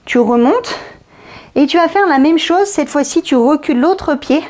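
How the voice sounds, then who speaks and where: High-voiced upbeat female fitness coach. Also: lively intonation, moderate pace, darkish tone. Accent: slight foreign accent. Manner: upbeat, directive, talks straight to the viewer. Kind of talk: workout instruction.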